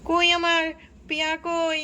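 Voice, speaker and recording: A woman voicing a busy, practical mother giving quick instructions in doll play. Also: very high voice, monotone, pushed and bright, slight background noise, voice pushed up, exaggerated voice. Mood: brisk. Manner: brisk, instructing tone.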